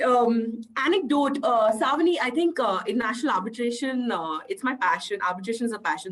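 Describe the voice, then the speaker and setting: A woman's voice: mid-range voice, fairly bright tone, poor audio. A woman speaking on an online panel, nasal from a cough, earnest and full of "uh" fillers. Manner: earnest, filler-heavy, deliberate. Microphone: video call.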